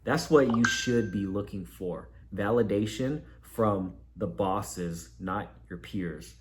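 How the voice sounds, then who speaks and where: A man's voice: lowish voice, takes it slowly, noisy background. A man giving casual career advice to camera from home, talking loosely, with fillers and repeated words. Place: at home, with laundry machine nearby.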